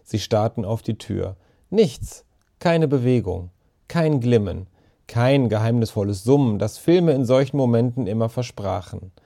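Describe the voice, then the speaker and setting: A man narrating a story in a calm, measured audiobook reading. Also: mid-range voice, creaky.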